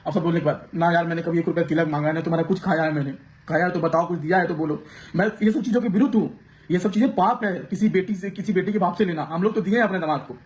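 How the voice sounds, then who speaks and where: A man's voice: high voice, racing. A man vlogging to his viewers, pouring out an aggrieved personal account with many restarts. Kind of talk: emotional personal account to camera.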